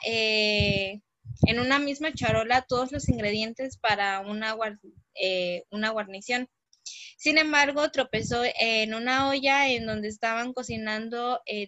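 A woman with a Mexican accent presents with a fairly high voice. She fills her pauses often and corrects herself as she goes. The sound is dry and close. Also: fairly bright tone, no echo, poor audio. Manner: hesitant, many fillers.

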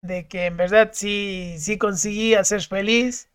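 A man's voice: sits high, steady tone, measured pace, a bit bright, clean tone, no room sound, studio quality. A man hosting a podcast, chatty and agreeable, adding short remarks and asides to the conversation. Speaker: podcast host.

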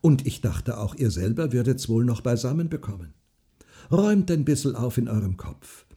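A man's voice: mid-range voice, normal speed, breathy edge, pitched above the performer's own voice. A man voicing a bold, cheeky young peasant girl. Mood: spirited. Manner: lively and cheeky.

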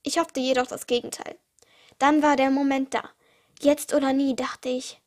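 A woman's voice: high voice, little pitch movement, moderate pace. A teenage girl reading her own short stories aloud for her podcast, with small slips and restarts. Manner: reads with small slips and restarts, uneven pace.

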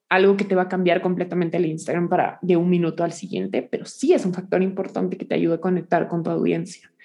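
A woman's voice: fairly low pitch, a little mellow. Young woman, kinda nasal voice, casual online class on social media, keeps checking in with the listeners. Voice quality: a little nasal.

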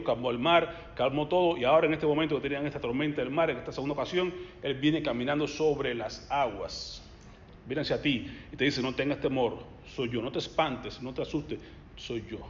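A man preaching a sermon, his voice sitting a little high. He moves between loud, emphatic passages and quiet, low asides. The sound is roomy and slightly dull, with a long reverb tail. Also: a little hiss or hum.

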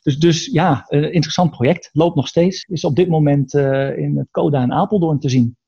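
Male interview guest, dark gravelly voice, thoughtful and halting, muffled recording. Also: on the high side. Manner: thoughtful, hesitant with many fillers and restarts. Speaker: guest, artist and robot researcher. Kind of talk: conversational interview.

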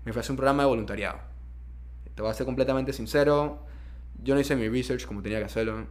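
Young adult male, Panamanian accent, rapid casual storyteller, slangy with sprinkled English, mid-range voice. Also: medium pitch. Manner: slangy, mixes in English words. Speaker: interview guest.

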